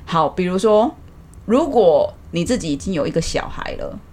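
Animated woman chatting, lower voice. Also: normal speed. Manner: animated, laughs often, explains with examples. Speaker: podcast co-host. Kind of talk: casual chat.

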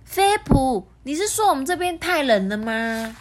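Woman doing Pipi, a chirpy squeaky penguin. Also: normal speed, a little hiss or hum. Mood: cheerful. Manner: chirpy, excited. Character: eager cheerful young penguin guide.

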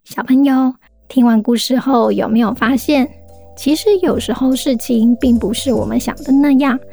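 Gentle woman reading a children's story. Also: high voice, normal speed, vocal fry. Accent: Taiwanese Mandarin. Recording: music bed behind the voice. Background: soft background music.

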